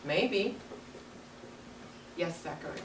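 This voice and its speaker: Speaking slowly in a lowish, creaky, expressive voice, a woman teacher reads aloud to young children using simple instructional phrases. The setting is a carpeted elementary classroom full of children. A far-off camera across the room records it, roomy and noisy in the background.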